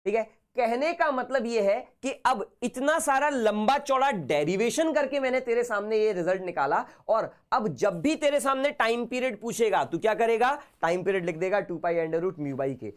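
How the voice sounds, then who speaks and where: A man with a sore, hoarse throat teaching physics in a casual, chatty live online class. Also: high-pitched. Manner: casual, chatty, talks to students informally.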